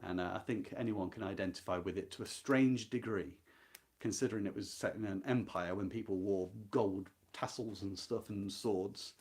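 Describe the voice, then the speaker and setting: With a lowish, slightly mellow voice at normal speed, a man leads a book club discussion. He speaks informally and live about a classic novel, reflective and earnest, pressing his points with emphasis.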